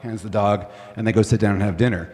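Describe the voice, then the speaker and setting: A man's voice: steady tone, fast, a little mellow. Man telling a rambling stage story. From Canada. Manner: low-key, rambling anecdotal delivery. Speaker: singer-songwriter performing at an open stage. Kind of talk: casual storytelling between songs. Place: live music venue stage, indoors. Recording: live room with long reverb and guitar.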